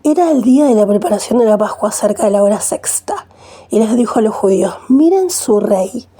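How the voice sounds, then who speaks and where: A woman reading scripture aloud in a steady way, with a few small slips. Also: medium pitch, fast, husky. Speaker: Bible reader.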